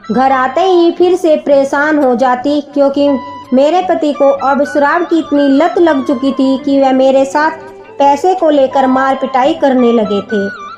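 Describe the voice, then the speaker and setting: High-voiced woman telling a devotional story. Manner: earnest, addresses listeners as devotees. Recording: background music under the voice.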